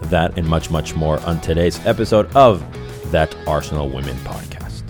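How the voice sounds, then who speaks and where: A middle-aged Venezuelan man hosts his own podcast in a casual solo monologue, rambling, correcting himself and repeating phrases as he goes. His voice rumbles low and animated at normal speed, with music playing underneath.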